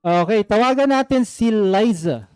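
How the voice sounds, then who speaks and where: High-voiced, unhurried male contest host. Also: expressive, darkish tone, a faint crowd, a little hiss or hum. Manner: friendly coaching feedback, often checking "okay?"; mixes English phrases into his talk. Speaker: host and judge of an online singing contest. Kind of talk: live-streamed contest hosting with phone calls.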